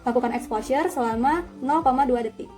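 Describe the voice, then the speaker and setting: Soft background music accompanies a young woman whose high, darkish voice moves a little quickly as she demonstrates radiography. She's a dental student, and her instructions come in a courteous, orderly sequence.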